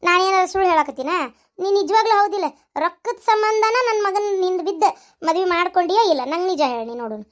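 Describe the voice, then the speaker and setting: Cartoon old mother-in-law played by a woman, North Karnataka Kannada accent, very high, fast, needling. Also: expressive. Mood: accusing. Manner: scolding, mocking, rapid-fire accusations. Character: sharp-tongued elderly mother-in-law, scolding and suspicious. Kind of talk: cartoon story voice acting.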